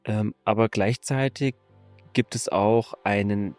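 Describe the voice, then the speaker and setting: A man's voice: on the low side, steady tone, slow pace, a little mellow, no echo, soft background music. A man on a podcast, thinking aloud and questioning details of a video game in casual chat. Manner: musing, questioning. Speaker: podcast host.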